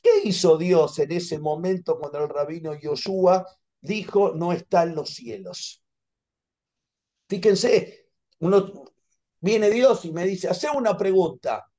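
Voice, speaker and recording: Argentine man teaching, dark soft voice. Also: high-pitched, slow. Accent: Argentine Spanish. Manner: animated storytelling, repeats phrases for emphasis. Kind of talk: class over a video call. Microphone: video call.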